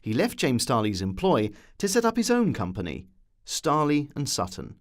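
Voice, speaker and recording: A man reads scripted documentary narration at normal speed, his pitch swinging hugely up and down as he tells the story. There's a wry streak running through his delivery.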